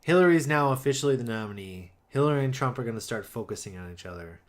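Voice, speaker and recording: Man, average pitch, wry and teasing, casual political podcast chat. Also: lively intonation, fast talker. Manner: wry, teasing, hedges with 'I mean'. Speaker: podcast co-host.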